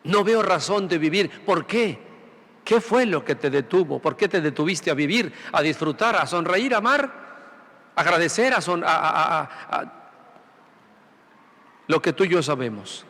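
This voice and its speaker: A man's voice: a little high, animated, measured pace, long pauses, pushed and bright, in a large hall. A man who is a priest, preaching a Sunday sermon through rhetorical questions and repeated phrases. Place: large church sanctuary.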